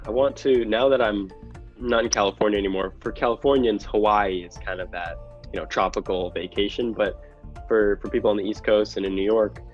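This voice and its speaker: A man with a low-pitched voice, heard through a muffled recording, is a real estate investor guesting on a podcast. He answers conversationally in the interview, explaining things analytically.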